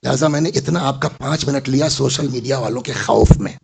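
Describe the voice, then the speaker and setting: A man's voice: medium pitch, a little mellow. An older man giving a sermon, telling stories and putting questions to his listeners. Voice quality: gravelly, husky voice. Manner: storytelling, asks the audience questions. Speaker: Islamic scholar giving a majlis lecture.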